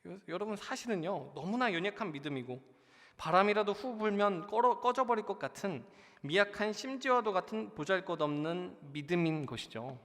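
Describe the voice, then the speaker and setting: A young male junior pastor delivers a sermon with an earnest, pleading drive, repeatedly calling out to his listeners and rising to emphatic peaks. His voice sits somewhat high and rings bright and forceful. A long reverb trails his words through the church hall. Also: lively intonation, normal speed. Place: church sanctuary.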